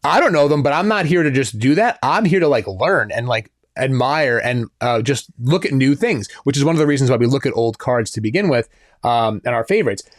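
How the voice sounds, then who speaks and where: A man's voice: mid-range voice, animated, fairly quick, no echo, studio quality. A man co-hosting a casual podcast, talking loosely with lots of fillers and restarts. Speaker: podcast co-host.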